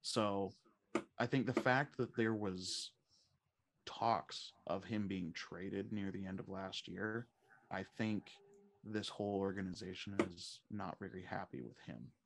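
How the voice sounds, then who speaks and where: A man's voice: low voice, unhurried, vocal fry. A man co-hosting a fantasy football podcast in casual chat, thinking aloud and often restarting his sentences.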